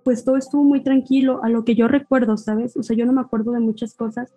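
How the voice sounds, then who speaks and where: A woman's voice: a little high, quick pace, no echo, soft background music, poor audio. A woman with a Mexican accent, a podcast guest telling a personal story in casual chat and acting out her family's words. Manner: animated, acts out family dialogue.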